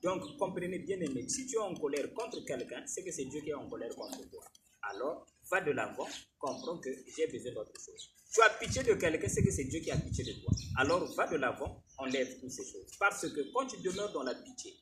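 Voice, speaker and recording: A man preaching with an animated, high-pitched voice that swings widely in pitch. He keeps calling out to his congregation to make sure they follow. The mic sits some distance away, and background noise is clearly audible. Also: brisk. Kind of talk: sermon.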